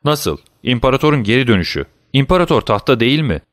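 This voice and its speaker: A man's voice: mid-range voice, very animated, dry recording, clean studio sound, lightly acted. A man voicing a wary old prisoner behind a wall. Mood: questioning. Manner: terse, questioning, hurried. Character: old male prisoner, muffled voice through a wall, cautious.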